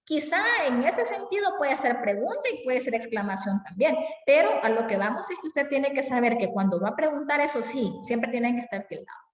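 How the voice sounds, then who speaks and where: A woman with a Salvadoran accent teaching a grammar lesson alone in a classroom, chatty and expressive, using everyday examples. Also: a little high, fairly quick, hardly any pauses. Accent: Salvadoran Spanish. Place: empty classroom. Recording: echoey classroom from a distance.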